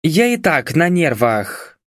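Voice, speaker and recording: A tense, snappish young woman lawyer, put on by a man reading an audiobook, her voice pushed well up into a higher register. She complains sharply and curses when rattled. The sound is dry and close. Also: sing-song, takes it slowly, a bit bright, no echo, full character voice. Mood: grumbling. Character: irritable blonde young woman lawyer, nervous.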